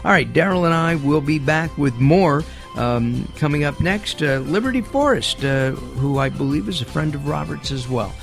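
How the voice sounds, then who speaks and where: A man's voice: fairly high pitch, expressive, moderate pace, gravelly, few pauses, faint music behind. A man hosting a radio talk show, chatting casually with fillers and restarts.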